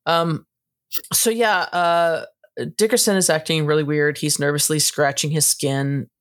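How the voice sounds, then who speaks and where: A woman co-hosting a casual book review podcast, giving a steady, matter-of-fact plot recap. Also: sits low, a little slow. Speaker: podcast co-host.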